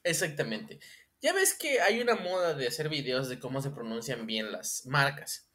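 Mexican man, lively swooping delivery, bright forceful tone, crude jokey chat. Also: mid-range voice, normal speed. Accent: Mexican Spanish. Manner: animated, profane, laughing often. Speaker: podcast co-host. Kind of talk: casual comedic chat.

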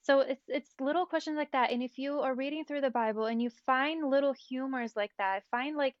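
A woman chatting casually about faith as a podcast guest, animated and rambling with many fillers. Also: sits high, fairly quick, no room sound, muffled recording.

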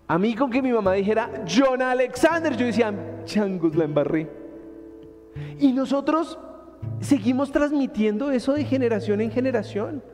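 A man in his thirties with a Colombian Spanish accent, preaching a sermon in a lively, colloquial storytelling manner. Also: very high voice. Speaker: pastor. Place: church hall. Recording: hall reverb with soft instrumental music.

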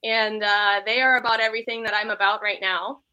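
Bright, chatty woman guest from Iceland. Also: medium pitch, steady tone, brisk, clean tone, dull audio. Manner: chatty, self-deprecating, laughs easily. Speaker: podcast guest. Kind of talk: casual interview chat.

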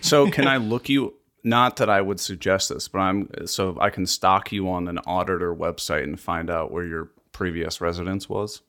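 A man's voice: deep voice, steady tone, normal speed, few pauses, a bit bright. A man co-hosting a podcast in casual chat, jokey and teasing. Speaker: podcast co-host.

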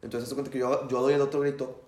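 Racing through his story, this young man, a student, speaks in a mid-range voice in an echoey room. He's a lively casual storyteller who performs the shouts and quotes himself.

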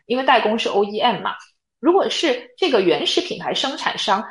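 A woman's voice: a little high, roomy sound, poor audio. A woman co-hosting a podcast, explaining her views point by point in a casual analytical chat. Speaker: podcast co-host.

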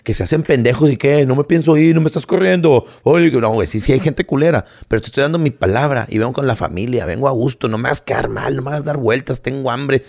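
Mexican-accented co-host, gravelly voice, heated and profane. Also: male voice, medium pitch, fast, hardly any pauses, a little mellow. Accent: Mexican Spanish. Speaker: podcast co-host. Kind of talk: casual chat.

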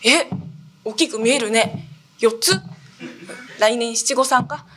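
A woman playing a brash, cheeky young townsman who talks in quick, slangy banter, his voice pitched a little high. The rakugo teller throws herself into his pushy, happy-go-lucky chatter. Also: a bit bright.

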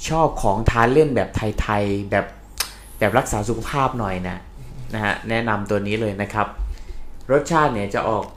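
A man's voice: fairly low pitch, fairly bright tone, a little hiss or hum. A man co-hosting a casual live-streamed talk show in Thai, chatting and reading out sponsor details. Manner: friendly, reads out sponsor details slowly. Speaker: co-host of a live podcast.

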